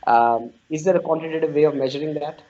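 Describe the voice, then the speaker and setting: A man in his forties with an Indian accent and a fairly high, dark-toned voice speaks quickly. He's a storytelling non-profit founder answering interview questions with anecdotes, often repeating words as he explains. The audio is dull and lo-fi.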